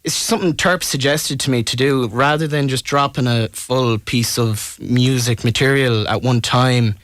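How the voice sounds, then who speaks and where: A man's voice: medium pitch, steady tone, normal speed, a bit bright, no room sound, clean studio sound. A man from Ireland with a west of Ireland accent, talking casually and tentatively as a musician in a radio interview.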